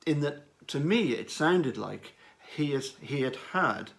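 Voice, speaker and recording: This man's voice is a little high, animated and touched with vocal fry as he gives unscripted true-crime commentary. He speaks in a halting, deliberate way, pausing often and repeating words.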